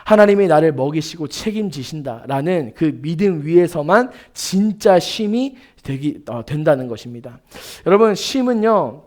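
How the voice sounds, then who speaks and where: Man, pastor preaching a sermon, slightly raised pitch, emphatic, heavy on rhetorical questions. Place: church sanctuary.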